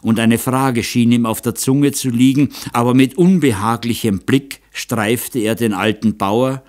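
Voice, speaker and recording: Slow, low-voiced male narrator. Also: a little mellow. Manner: measured, dramatic reading. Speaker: audiobook narrator. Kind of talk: scripted narration.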